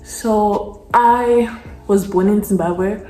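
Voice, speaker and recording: A South African beauty vlogger, a young woman, talks very slowly in a mid-range voice with a dark tone as she does her makeup. The casual get-ready-with-me chat rambles along, full of "like" fillers, recorded in an echoey room with soft music playing in the background.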